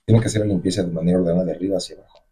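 Speaking very fast in a low, warm, husky voice with a steady tone, this middle-aged mayoral candidate has a Mexican accent. He gives emphatic, campaign-style answers into a stand-mounted desk mic in a radio studio.

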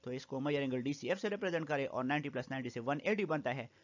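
A man's voice: mid-range voice, animated, quick pace. Methodical male maths teacher, Pakistani accent. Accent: Pakistani Urdu. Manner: methodical, repeats each step in two languages. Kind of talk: step-by-step maths lesson. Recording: dull lo-fi recording.

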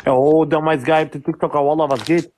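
A man's voice: fairly high pitch, fairly even intonation, brisk, background noise. A young man, chatting casually and teasingly on a livestream.

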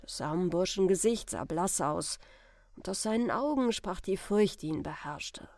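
A woman reading a classic adventure story aloud as a bedtime audiobook, calm and expressive. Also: on the low side, normal speed, no echo, studio quality. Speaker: audiobook reader.

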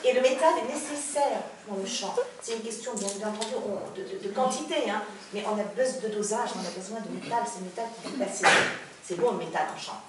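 A woman's voice: medium pitch, brisk. A woman vocal coach teaching a masterclass, coaxing her student along. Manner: coaxing, sings phrases to demonstrate. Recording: very echoey room, distant mic, piano.

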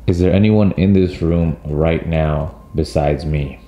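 In a bass voice with a dark tone, a young man narrates his travel vlog a little slowly while moving through a hotel room and hallways. He sounds chatty, half-joking and slightly nervous, his camera held at arm's length. The sound is dull and echoey, with faint ambience.

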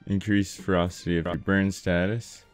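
Deep-voiced man reading game text. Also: level tone, moderate pace, faint music behind. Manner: reads item text aloud, stumbling over words. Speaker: gameplay co-host. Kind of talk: casual let's-play commentary.

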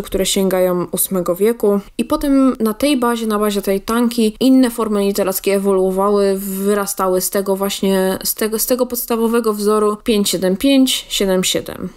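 A woman's voice: mid-range voice, darkish tone. A Polish woman hosting a solo podcast, explaining a literary form in a chatty way with fillers and self-corrections. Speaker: podcast host and book blogger.

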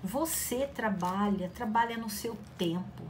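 A woman's voice: a little high, a little slow. A middle-aged woman chatting casually while she paints, giving encouraging talk and acting out quoted voices. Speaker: craft channel host. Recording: faint background noise.

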